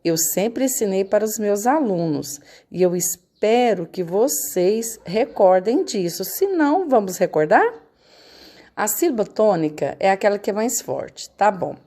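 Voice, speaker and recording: A woman's voice: medium pitch, animated, measured pace, mellow. A woman teacher going over homework in a recorded lesson, patient and checking in with her students often.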